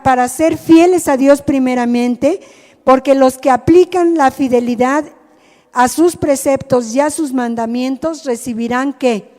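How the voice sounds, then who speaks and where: Mexican woman preacher, slow and deliberate, checks in with the group, reverberant room. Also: high-pitched, darkish tone. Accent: Mexican Spanish. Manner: asks the group questions. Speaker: teacher at a rehab ministry. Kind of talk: sermon to a group. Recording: hall reverb.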